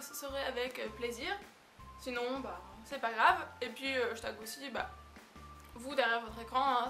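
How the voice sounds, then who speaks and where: Bright high-voiced young woman vlogging. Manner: chatty, relaxed, laughs often, many fillers. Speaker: beauty vlogger. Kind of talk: casual vlog answering tag questions.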